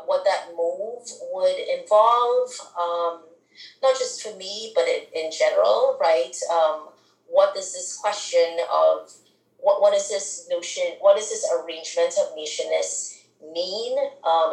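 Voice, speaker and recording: A middle-aged woman from Trinidad, a philosophy professor, talks reflectively in an interview, with many pauses and restarts. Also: lowish voice, gravelly, echoey room, low-quality recording. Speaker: guest author, philosophy professor. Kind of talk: academic interview conversation.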